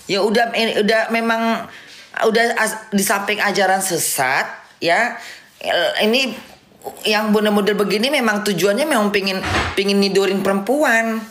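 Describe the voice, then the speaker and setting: A woman's voice: mid-range voice, normal speed, fairly bright tone. A middle-aged woman giving indignant, casual commentary on a film as a vlogger at home, often restarting and repeating words. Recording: roomy echo, faint background noise.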